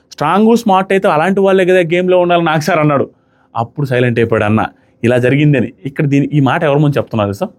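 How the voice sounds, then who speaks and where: A man giving a casual, animated spoken review of a reality show, rapidly recapping and quoting what others said. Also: fairly high pitch.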